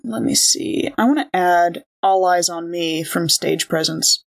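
In a relaxed tabletop role-playing game, a woman improvises while chatting and reasoning aloud. Her lowish voice is a little slow and creaky.

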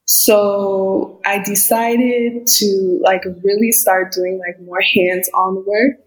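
The audio is poor, carrying a somewhat low voice from a middle-aged woman who was born in Liberia and raised in the United States. As a guest business coach in a casual interview, she reflects earnestly and keeps saying "you know."

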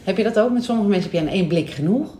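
A woman's voice: medium pitch, animated, racing, mellow, reverberant, slight background noise. A woman in her forties, co-hosting a podcast in casual chat, chatty with many fillers and restarts. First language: Dutch. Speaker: podcast co-host.

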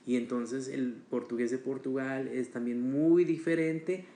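A man's voice: mid-range voice, fairly even intonation, a little slow, dark tone, echoey room, slight background noise. A man talking as a guest on a casual podcast, chatty and hesitant, with many fillers and restarts.

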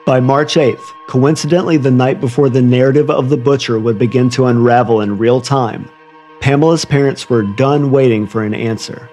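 A man's voice: mid-range voice, steady tone, moderate pace, a little mellow. Guy doing scripted true crime narration, ominous storyteller style, bit of music behind him. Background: music under the voice.

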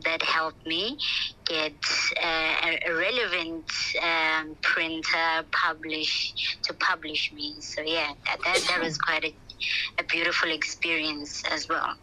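Her low voice is bright and forceful as this woman author answers interview questions over the phone while riding in a moving vehicle. The call breaks up and her voice drifts from the mic, and she tends to hesitate and repeat words while looking for them.

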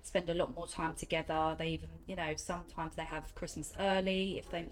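A woman, a nurse, giving informal interview answers in a hesitant, reflective way with frequent pauses. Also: sits low, little pitch movement, low-quality recording. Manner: hesitant, reflective, many pauses and "you know". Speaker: hospice nurse. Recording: light ambient background noise.

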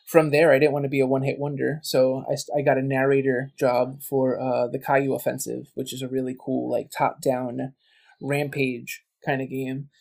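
A man's voice: mid-range voice, flat delivery, normal speed, gravelly, a little mellow. A man guesting on a podcast, chatting casually and telling stories full of quoted back-and-forth. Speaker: guest, game writer and voice actor.

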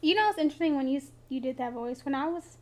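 A woman with a high-pitched voice co-hosting a podcast in casual chat, asking pointed, teasing questions. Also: lively intonation, fast talker, darkish tone. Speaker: podcast co-host.

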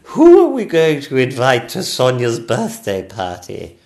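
A bossy storybook queen with a raised, loud and slow voice, performed by a man. She talks down to everyone in a haughty drawl. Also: medium pitch, huge pitch swings, pitched above the performer's own voice. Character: bossy, chatty middle-aged queen.

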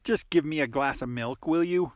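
A man voicing a weary, sarcastic elephant man-creature in an audiobook drama, with a flat, tired delivery. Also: on the high side, normal speed, no room sound, studio quality, close to an everyday voice.

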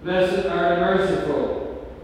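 A man reading the gospel aloud at a church service in a measured, solemn way, with a cathedral echo. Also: high-pitched, slight background noise. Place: large church. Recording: roomy church reverb from far off.

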